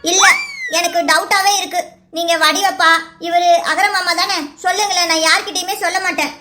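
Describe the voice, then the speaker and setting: A woman's voice: very high voice, steady tone, a little fast. A woman voicing a timid young village girl in a cartoon serial, who asks pleading questions in a sing-song voice. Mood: curious. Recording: music bed under voice.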